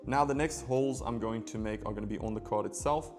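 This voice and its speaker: A man's voice: on the low side, fast, over music. A man giving a magic tutorial in casual, playful card magician patter, chatting directly to viewers.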